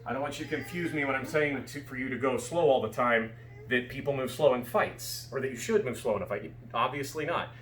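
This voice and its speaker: A man's voice: medium pitch, fairly quick, fairly bright tone, faint music behind. A man giving casual, explanatory fencing instruction, often checking that his students follow. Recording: echoey room with background noise.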